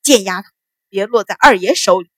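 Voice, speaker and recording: Woman doing a defiant captive nobleman, loud shouting, storybook reading. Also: medium pitch, a little fast, no echo, natural voice.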